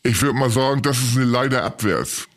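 A man's voice: medium pitch, lively intonation, a little fast. A man with a mid-range voice hosts a scripted comedy sketch. He plays the teasing straight man, sighing and exasperated at his partner's nonsense.

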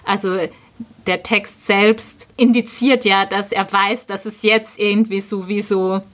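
A woman's voice: mid-range voice, fairly even intonation, measured pace, a bit bright. A woman in a casual book talk, reading passages aloud and then commenting on them.

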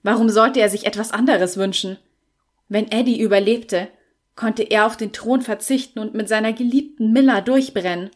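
A woman narrating a fantasy audiobook in a measured storytelling style. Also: a little high.

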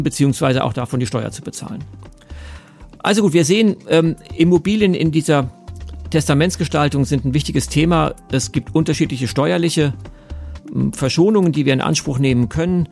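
A man hosting a podcast, explaining inheritance matters in a measured way with occasional fillers. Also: medium pitch, vocal fry, a little mellow. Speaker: podcast host.

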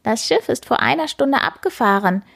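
Lady playing a friendly harbor rat, raised voice, husky, reassuring, storybook. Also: fairly high pitch, expressive, moderate pace, a bit bright, pitched above the performer's own voice, heavily acted. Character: friendly know-it-all female harbor rat. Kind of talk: children's story reading.

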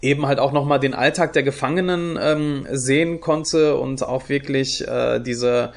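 A man's voice: medium pitch, steady tone, a little slow, gravelly. A young adult man from Germany answering interview questions in a thoughtful way, with many fillers and restarts. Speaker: guest, youth project leader.

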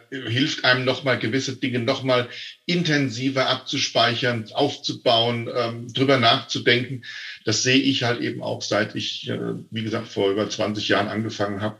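A man who trains salespeople talks eagerly in a casual conversation, peppering his sentences with fillers. His voice is bright and clear at a middle pitch. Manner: enthusiastic, many fillers.

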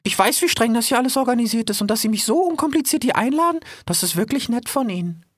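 Eager formal little female mouse played by a woman, high-pitched, courteous audio-drama role. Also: animated, fast, no room sound, studio quality. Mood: grateful. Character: polite, chatty female mouse surveyor.

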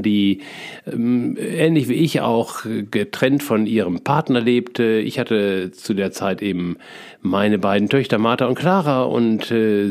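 A man's voice: fairly low pitch, a little mellow. Reflective man telling a spiritual story. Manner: reflective, spiritual, many fillers and restarts. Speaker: feng shui consultant telling his life story. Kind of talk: personal storytelling monologue.

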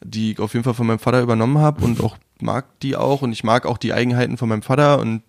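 Casting: young man from Brandenburg, middle-pitched, rambling and hesitant, very dry close sound. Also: fairly even intonation, racing, gravelly, no echo. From Brandenburg, Germany. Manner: rambling, hesitant, many fillers and restarts. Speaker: podcast guest, photographer. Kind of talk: casual chat.

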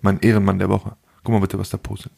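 A young man co-hosting a podcast, telling stories in animated casual chat with lots of street slang. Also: low voice, fast, vocal fry. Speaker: podcast co-host.

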